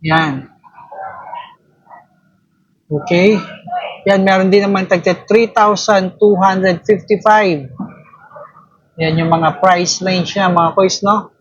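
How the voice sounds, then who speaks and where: A man with a Filipino accent casually narrating a walk through a watch store, slow and relaxed, often ending lines with "no?". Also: high-pitched, lo-fi sound. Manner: slow, relaxed, filler-heavy, tags lines with "no?". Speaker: vlogger touring a watch shop.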